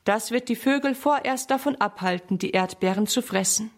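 Woman reading a calm, caring storybook mother. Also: a little high, moderate pace. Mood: kind.

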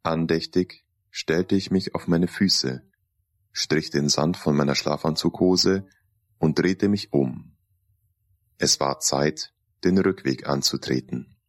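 Deep gravelly male audiobook narrator. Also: slow pace, no echo, clean studio sound. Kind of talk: scripted first-person audiobook narration.

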